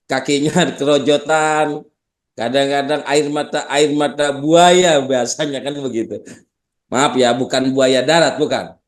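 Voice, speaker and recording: A man preaching a sermon with an Indonesian accent, lively and humorous, weaving in Arabic phrases. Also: fairly high pitch.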